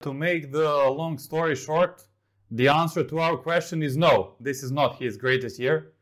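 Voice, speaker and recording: A man from Serbia, a sports journalist co-hosting a casual talk show, speaking in a measured, analytical way with frequent fillers. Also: a little high, fairly bright tone.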